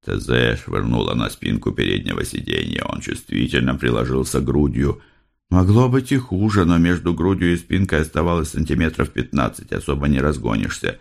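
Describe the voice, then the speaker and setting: Deep gravelly male audiobook narrator. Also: animated, moderate pace.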